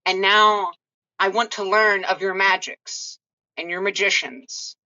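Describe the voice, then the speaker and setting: A woman's voice: very deep voice, fairly even intonation, normal speed, pushed and bright, no room sound, lo-fi sound, full character voice. A woman voicing a proud female pony mage from another world, speaking formally and indignantly.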